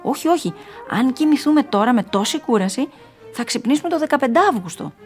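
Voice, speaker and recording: A woman's voice: animated, darkish tone, soft background music. A woman voicing a boastful, spiteful male count made of honey cake who whines and shrieks, in a storybook reading. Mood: pleading. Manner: whiny and shrill.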